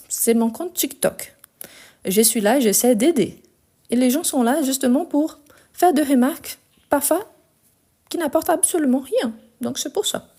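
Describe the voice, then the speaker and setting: Woman French teacher with a Lyon accent, live-stream grammar lesson, mellow and warm, deliberate and explanatory. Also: fairly high pitch. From France and Brazil. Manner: explanatory, repeats forms slowly, gets indignant answering critics.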